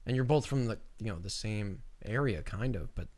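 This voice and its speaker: A man's voice: lowish voice, lively intonation, moderate pace, a little mellow. A man co-hosting a podcast in a casual, profane and talkative way. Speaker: podcast co-host. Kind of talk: casual chat.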